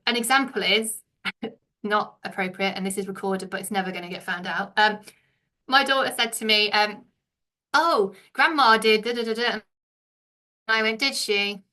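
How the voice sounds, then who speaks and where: A middle-aged English woman leads a teacher training session, explaining each point and putting questions to her listeners. Her voice has a bright, forward edge at an ordinary middle pitch. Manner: explanatory, asks the room many questions.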